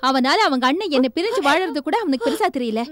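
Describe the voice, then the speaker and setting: A woman's voice: high-pitched, lively intonation, fast, fairly bright tone, no echo, clean studio sound. An actress playing an indignant mother complaining about a relative, in a TV serial. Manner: indignant and scolding. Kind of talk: TV serial acting.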